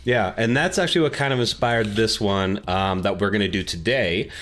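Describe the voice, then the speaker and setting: A man hosts a podcast from a home office without soundproofing, chatting casually in an informal, self-deprecating way. His fairly low, slightly bright voice moves at normal speed. The untreated room sounds echoey, with background music underneath.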